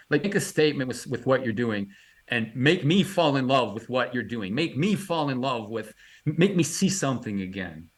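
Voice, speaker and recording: A man's voice: mid-range voice, a bit bright. Enthusiastic rambling man in casual chat. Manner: enthusiastic, rambling, many fillers and restarts. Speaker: illustrator guest answering questions.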